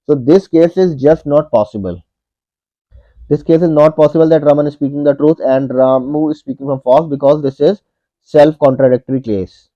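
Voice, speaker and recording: A man's voice: a little high, moderate pace. A man in his thirties, an online tutor, working through a logic puzzle step by step, repeating each point and saying "okay" often. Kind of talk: whiteboard puzzle walkthrough. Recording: dull lo-fi audio.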